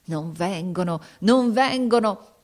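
A woman voicing a fierce, desperate army captain in a storybook reading, shouting orders through clenched teeth. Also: on the low side, expressive, measured pace. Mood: shouting urgently.

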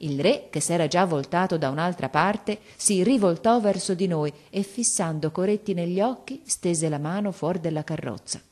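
A woman narrating a classic novel as an audiobook, with measured, expressive storytelling. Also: on the low side.

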